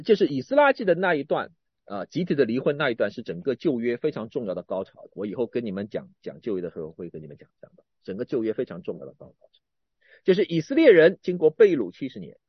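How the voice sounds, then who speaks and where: A man preaches a sermon with a husky voice and a lively, swooping pitch. He keeps restarting and repeating words, rising to emphatic bursts and dropping to quiet asides. The recording is dull and dry, with no room sound. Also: no echo.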